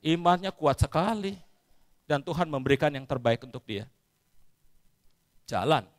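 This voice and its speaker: A man's voice: on the high side, lively intonation, a little slow. A male pastor preaching a sermon at a church service, speaking emphatically, repeating phrases and often addressing the congregation directly.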